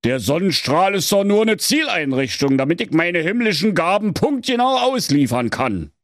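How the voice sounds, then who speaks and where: A man's voice: sits high, big pitch swings, normal speed, a bit bright, dry recording, studio quality, pitched above the performer's own voice, heavily acted. A man voicing a smug, lofty male tech benefactor speaking from heaven in a comic fairy tale.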